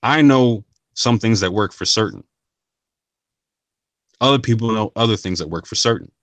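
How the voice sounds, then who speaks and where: Male vlogger, very low voice, earnest and slangy, many restarts, dry close sound. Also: animated, normal speed, fairly bright tone, no room sound. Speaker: channel host. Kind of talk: casual talk to camera.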